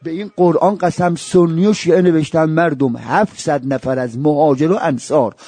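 A man's voice: steady tone, dark tone, husky, no echo. Man preaching with soaring wailing cries. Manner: swings into high wailing cries, chanting Quran verses. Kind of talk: Shia religious sermon with storytelling.

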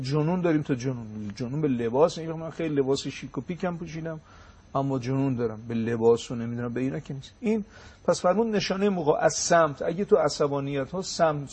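A man giving a religious talk on a show. He recites sayings slowly in Arabic and then explains them briskly. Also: a little high, lively intonation, a little mellow, husky. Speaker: religious lecturer.

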